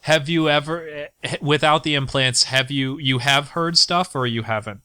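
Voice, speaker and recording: A man hosts a casual podcast interview, his voice bright and forward. The recording is dry and close. He asks questions haltingly and restarts them often. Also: fairly high pitch, smooth, no room sound. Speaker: podcast host.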